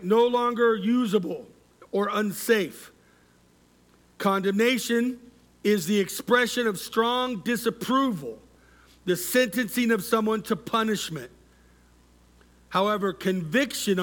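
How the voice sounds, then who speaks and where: Male pastor, middle-aged, high voice, unhurried interactive sermon delivery. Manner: interactive preaching, asks the congregation for responses; measured, repeats key words for emphasis.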